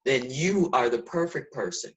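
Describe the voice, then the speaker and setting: A woman's voice: extremely low pitch, animated, moderate pace, rough recording. A woman in her sixties talking earnestly and preachily in a casual video call discussion, as host. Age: 60s.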